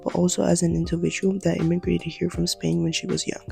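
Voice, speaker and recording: A teenage woman reading a scripted news report as a student reporter, brisk and even. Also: lowish voice, gravelly, soft background music.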